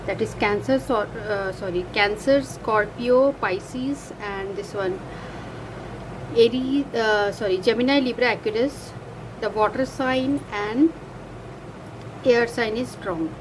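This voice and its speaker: A woman card reader with an Indian English accent and Hindi as her first language reads cards casually to camera, hesitant and halting, often pausing to search for words. She uses many "uh" fillers and self-corrections, her fairly high voice moving slowly over clear background noise.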